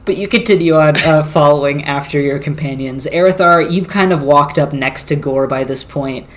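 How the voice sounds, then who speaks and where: Game master narrating slowly, descriptively. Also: medium pitch. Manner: slow descriptive narration with filler words.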